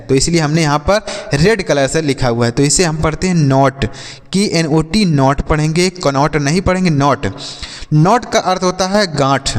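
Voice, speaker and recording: Male teacher, a little high-voiced, asks questions and answers them himself, reverberant room. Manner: spells words letter by letter and answers his own questions; addresses viewers as friends. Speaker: English teacher. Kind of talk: classroom-style lesson.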